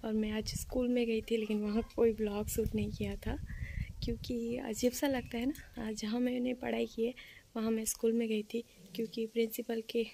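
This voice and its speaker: A young woman, talking slowly and softly in a casual vlog, tired and sleepy. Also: on the high side, flat delivery, gravelly, a little hiss or hum. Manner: soft-spoken, slow and subdued. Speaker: vlogger.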